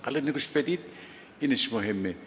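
An older man giving a sermon on a prayer, telling stories emphatically, repeating key phrases and swinging between loud and hushed delivery. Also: mid-range voice, expressive, slight background noise. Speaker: religious teacher. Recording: dull lo-fi recording with long hall reverb.

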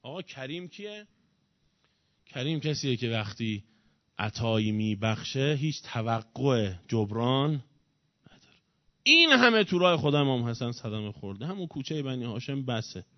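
A man preaching a mourning sermon, his lament swelling from soft telling into loud grieving cries. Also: mid-range voice, very animated, dry recording. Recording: dull, dry, muffled recording.

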